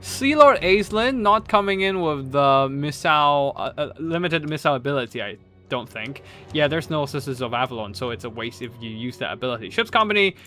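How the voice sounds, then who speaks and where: A man's voice: on the high side, expressive, a little fast, pushed and bright, faint music behind. A man casually commentating strategy game tournament replays, rambling with many fillers and restarts and swearing now and then. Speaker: game caster.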